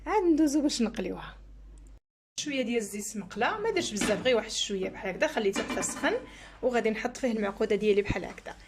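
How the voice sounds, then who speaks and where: A woman's voice: on the high side, expressive, racing, a little hiss or hum. A woman with a Moroccan Arabic accent hosting a home cooking channel, walking viewers through each step of a recipe in a chatty way as she works in her kitchen. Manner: chatty, explains each step while working. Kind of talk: cooking tutorial voice-over.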